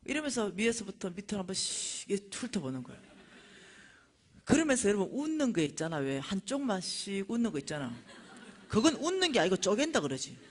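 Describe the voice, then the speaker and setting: A middle-aged woman, lecturing at a church and telling a personal testimony with animated storytelling. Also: medium pitch, a little fast. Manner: animated storytelling, acting out dialogue.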